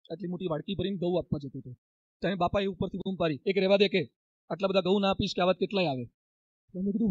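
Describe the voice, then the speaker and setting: A monk whose voice sits high tells stories within his sermon, acting them out vividly in a Gujarati accent. The audio is dry and dull.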